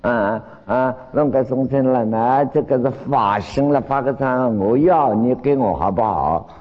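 A man's voice: mid-range voice, a little slow. A man giving a storytelling Chan Buddhist dharma talk, blunt and plain-spoken, acting out the voices of the people he quotes. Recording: dull lo-fi recording with long hall reverb.

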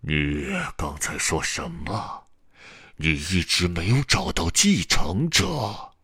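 A man voicing the ghost of an old storyteller uncle, slow, deep and commanding. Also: very animated, sharp tone, husky, no room sound, studio quality, full character voice. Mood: stern.

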